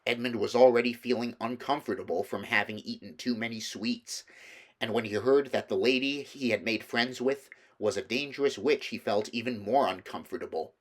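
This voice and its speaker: A man's voice: medium pitch, normal speed. A man reading a children's storybook aloud as a narrator. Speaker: amateur audiobook reader.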